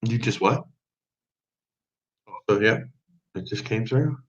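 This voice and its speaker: This livestream test features a man co-hosting with a fairly low-pitched voice and a slow delivery. The talk is relaxed, casual chat, captured in lo-fi livestream sound.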